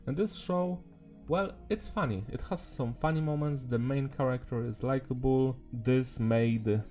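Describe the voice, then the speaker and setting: With soft music underneath, this video host reviews anime in an unhurried, mellow, mid-range voice. He sounds ill, his throat swollen and sore, and his chatter wanders informally, peppered with light swearing.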